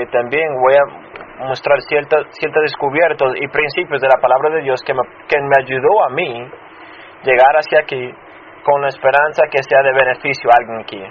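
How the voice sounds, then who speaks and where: A man who grew up in Chicago and serves as a pastor, giving a personal testimony in a sermon, halting and restarting often. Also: mid-range voice, steady tone. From Chicago, United States. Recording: dull muffled sound with faint noise.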